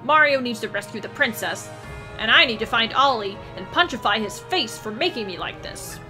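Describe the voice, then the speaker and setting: A woman's voice: on the high side, expressive, moderate pace, over music, lightly acted. A woman voicing a bratty, bossy young prince from a video game. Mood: brash.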